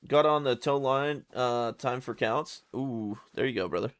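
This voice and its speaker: A man's voice: mid-range voice, unhurried, dry recording. Stuttery laid-back man streaming a game. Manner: stuttery, repeats words; slangy, laid-back, calls viewers brother and dude. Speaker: live streamer. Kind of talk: casual live-stream chat while gaming.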